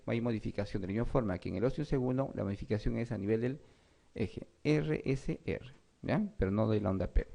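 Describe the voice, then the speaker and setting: A man's voice: fairly low pitch, creaky, warm tone. A man giving an exam review lecture, reading questions and explaining them, often checking in with his students. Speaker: medical lecturer.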